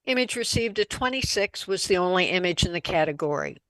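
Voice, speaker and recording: A woman moderating a camera club competition, calling judges and announcing scores in a brisk, businesslike way. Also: fairly low pitch, lively intonation, a bit bright, no echo, low-quality recording.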